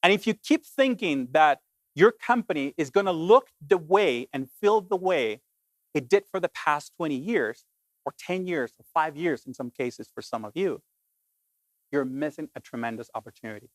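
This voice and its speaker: A middle-aged man from Colombia giving an animated, emphatic talk to an audience as a keynote speaker, often saying "basically". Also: a little high, normal speed, dry recording.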